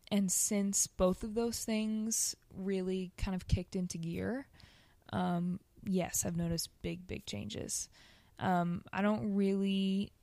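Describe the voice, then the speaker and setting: A woman's voice: mid-range voice, darkish tone, no echo. A young woman guest speaking casually in an interview, with hesitant, informal phrasing that tends to trail off. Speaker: podcast guest, ice bath coach.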